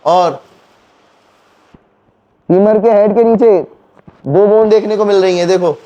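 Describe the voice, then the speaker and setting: Speaking at a measured pace in a steady, warm voice that sits high, a male teacher delivers an anatomy lecture to his class. He quizzes students with call-and-response questions and counts the bones aloud, and the audio is dull.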